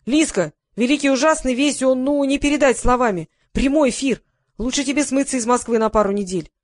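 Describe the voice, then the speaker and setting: A woman voicing a melodramatic young woman who exclaims loudly. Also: sits high, a little fast, no echo, clean studio sound, pitched above the performer's own voice, close to an everyday voice. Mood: dramatic.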